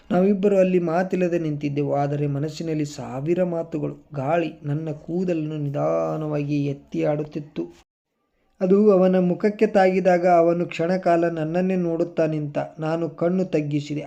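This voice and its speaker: Dark, mellow male storyteller. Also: fairly high pitch, creaky, lo-fi sound. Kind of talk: first-person story narration.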